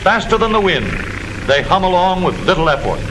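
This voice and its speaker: A high-pitched American man narrates a military training film in scripted 1940s newsreel fashion, declamatory and instructive. His intonation is lively and his pace brisk, on a noisy old film soundtrack.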